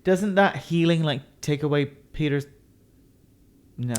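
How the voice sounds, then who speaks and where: A man's voice: a little high, slow pace, smooth. A man in his twenties co-hosting a podcast in casual banter, blunt, sarcastic and dismissive. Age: 20s. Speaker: podcast co-host.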